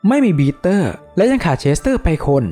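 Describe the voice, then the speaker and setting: A man voicing a brisk teenage girl team captain in a storybook reading, giving quick orders. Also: high voice, sing-song, warm tone, faint music behind, voice pushed up.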